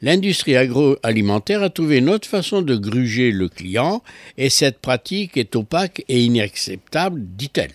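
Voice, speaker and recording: A man's voice: mid-range voice, sing-song, moderate pace, dry recording. A man giving a consumer affairs column on local radio, explaining with ironic asides.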